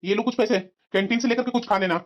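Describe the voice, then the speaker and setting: A stern cartoon dad who spoils his daughter and snaps at everyone else, as a woman plays him, his gruff scolding coming out quick and pitched high. The recording is dull and lo-fi. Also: fairly even intonation, natural voice. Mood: coaxing. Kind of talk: cartoon voice acting. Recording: muffled lo-fi.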